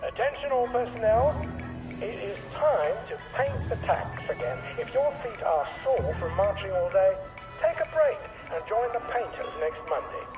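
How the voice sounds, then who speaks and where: A man voicing an officious camp announcer who makes formal, clipped announcements over an air raid style loudspeaker. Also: extremely high pitch, animated, moderate pace, pauses often. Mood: routine. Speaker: public address announcer. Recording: distant, dull lo-fi loudspeaker with music.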